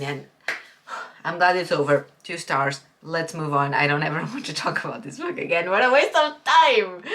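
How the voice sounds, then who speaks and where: A woman with a slightly low-pitched voice chats casually in a book review vlog. She is candid and opinionated and breaks into lively exclamations when a book lets her down. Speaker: book vlogger.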